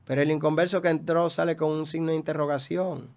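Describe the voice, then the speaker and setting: A man's voice: fairly high pitch, fairly even intonation, fast, a little mellow. A man, a guest pastor teaching in a preaching style, emphatic, with rhetorical questions and repeated phrases.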